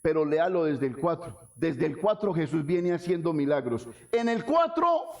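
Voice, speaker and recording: Delivering a sermon at normal speed, this pastor questions the congregation directly. His volume shifts sharply, from quiet low passages to shouting.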